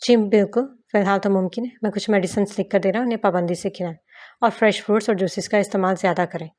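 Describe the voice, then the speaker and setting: A woman voicing a calm, formal male doctor giving measured advice in an audiobook reading. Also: medium pitch, lightly acted. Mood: reassuring.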